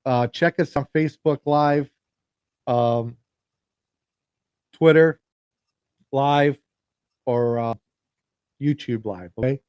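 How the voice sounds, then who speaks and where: A man's voice: mid-range voice, takes it slowly, pauses often, a little mellow, clean tone, no echo. Guy rambling on a phone livestream, repeats himself a lot, dead dry sound. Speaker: podcast host. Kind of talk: casual solo livestream talk.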